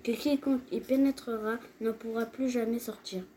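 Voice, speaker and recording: A stern old king lays down his commands in a firm, declaring tone, as a woman reading a storybook puts him on. The voice sits high and mellow, with little change from the reader's own. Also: fairly even intonation, normal speed, a little hiss or hum, natural voice. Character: stern old male king who imprisons.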